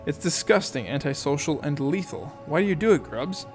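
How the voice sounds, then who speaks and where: A stern, disappointed father lectures his son in a reproachful, slightly high voice, as a man reading an audiobook puts him on. He sounds fed up and lecturing, with faint music behind. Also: big pitch swings, moderate pace, a little mellow.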